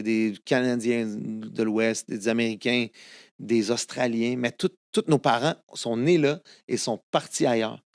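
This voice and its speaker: A singer-songwriter in his fifties, a guest in a casual interview, tells stories with lots of fillers and restarts. His native language is Italian, he speaks with a Québécois French accent, and his mid-range voice is captured in a dry, clean studio recording.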